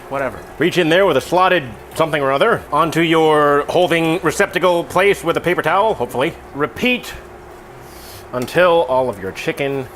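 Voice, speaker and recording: A man's voice: fairly high pitch, a bit bright, a little hiss or hum. A man hosting a casual cooking tutorial in an offhand, self-deprecating, rambling way with trailing asides. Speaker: cooking show host.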